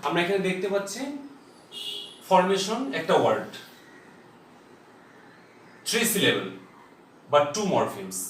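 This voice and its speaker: A man with a Bangladeshi accent lectures on grammar, going through each point step by step and spelling words out slowly. His voice sits a little high and carries through a reverberant room, picked up from some distance. There is a faint hum of background noise. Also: big pitch swings. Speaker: English grammar teacher. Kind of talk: classroom lecture.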